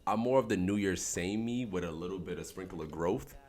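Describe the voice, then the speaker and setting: A man's voice: low-pitched, fairly quick, a little mellow. A man co-hosting a podcast in casual chat, joking and blunt in a playful way. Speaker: podcast co-host.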